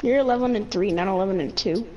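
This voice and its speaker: A woman's voice: medium pitch, darkish tone, muffled recording, a little hiss or hum. A woman playing a shooter game alongside a streamer, chatting casually and cheering her kills. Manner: eager, quick to cheer her own kills. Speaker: co-player. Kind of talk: casual gaming chat.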